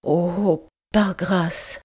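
A woman's voice: fairly low pitch, fairly even intonation, extremely slow, a little mellow, breathy edge, pitched above the performer's own voice, exaggerated voice. A woman voicing a frail young mother in an audiobook, pleading in a trembling voice.

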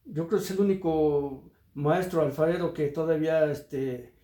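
A man's voice: on the high side, fairly even intonation, normal speed, warm tone. A man interviewing a guest for community radio, speaking formally and courteously with frequent filler words. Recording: roomy echo.

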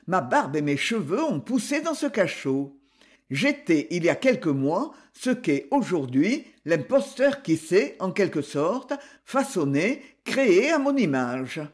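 Guy reading a furious chained-up noble prisoner, accusing, voice swinging high, audiobook. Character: angry chained nobleman prisoner, middle-aged man.

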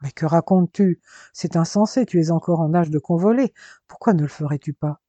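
A man voicing a curious, loving young woman, earnest and questioning, with a husky voice. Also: a little high, brisk, mellow, dry recording, highs cut off, close to an everyday voice. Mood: insistent.

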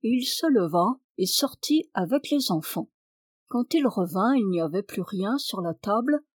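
A woman's voice: mid-range voice, animated, normal speed, breathy edge, dry recording, clean studio sound. Woman reading a folk tale aloud. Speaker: reader.

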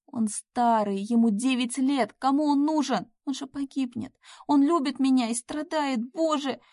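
A woman's voice: high voice, expressive, normal speed, a little mellow, dry recording, studio quality, pitched above the performer's own voice. A woman voicing a sobbing, pleading young woman. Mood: distraught pleading. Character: tearful young woman begging over her lost cat.

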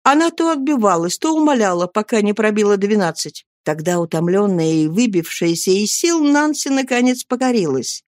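A woman narrating an audiobook in a measured, even reading manner. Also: mid-range voice, dry recording, clean studio sound.

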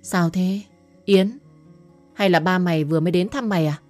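A woman voicing a young woman who is the blunt, worried best friend, talking fast and scolding. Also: lowish voice, a little mellow, soft background music, natural voice.

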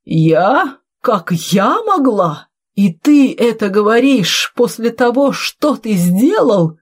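A woman reading aloud, voicing a fierce, sharp-tongued wealthy old woman in a scolding manner. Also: medium pitch, a little slow, slightly rough, voice pushed up. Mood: scornful. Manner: scornful, scolding.

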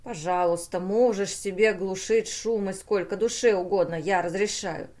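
A woman's voice: medium pitch, moderate pace, natural voice. A woman doing a hot-tempered male inventor. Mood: placating. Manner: furious, shouting.

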